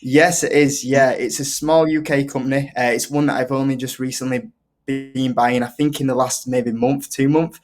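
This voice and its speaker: A man with a Yorkshire accent talks in a casual, chatty way as an interview guest. His pitch is average and moves very little, giving an even, level delivery. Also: moderate pace. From Leeds, Yorkshire, UK. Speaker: investing video creator, guest.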